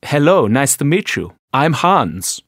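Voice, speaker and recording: A man's voice: a little high, sing-song, unhurried, a bit bright, no room sound, clean studio sound, heavily acted. A man acting a friendly young man introducing himself in a scripted course dialogue.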